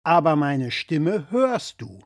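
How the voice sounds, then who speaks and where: A man's voice: fairly high pitch, very animated, slow pace. A man voicing an exasperated grown son who answers with dry, wry replies.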